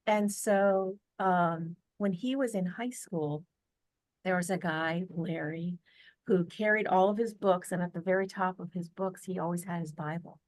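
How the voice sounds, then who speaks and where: A woman's voice: on the low side, fairly even intonation, a little slow, no room sound. An American woman, a podcast guest, telling a family story in an earnest, chatty way, full of fillers and restarts, over a video call. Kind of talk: casual storytelling interview.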